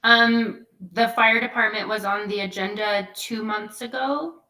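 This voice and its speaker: A woman's voice: mid-range voice, fairly even intonation, unhurried, bright, forceful tone. A woman council member in a meeting discussion, earnest and persuasive with ums and restarts. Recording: echoey room, far from mic.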